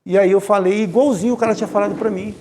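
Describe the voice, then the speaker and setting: A man's voice: high-pitched, fairly even intonation, racing, warm tone, a little hiss or hum. A man with a Brazilian Portuguese accent giving a conversational lecture at a spiritist center, telling personal stories and speaking straight to the audience. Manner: storytelling, speaks directly to the audience. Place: spiritist center meeting room.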